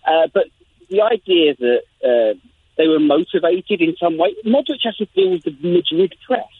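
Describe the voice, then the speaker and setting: This high-pitched, creaky male voice belongs to an English guest journalist from England, speaking at a moderate pace in an interview over a tinny phone line. He's animated, frequently restarting and repeating himself, and there's a little hiss or hum.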